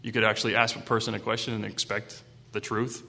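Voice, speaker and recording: A man's voice: lowish voice, little pitch movement, fast talker, creaky, pushed and bright. Man preaching in a reverberant hall. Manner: reads scripture then retells it casually. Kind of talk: Bible reading with sermon commentary.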